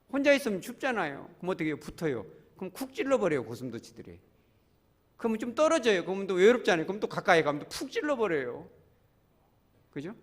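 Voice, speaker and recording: A man preaching a Sunday sermon as pastor, acting out prayers and little scenes and calling the congregation to join in. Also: high voice. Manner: animated preaching with acted-out quotes and congregation prompts. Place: church sanctuary.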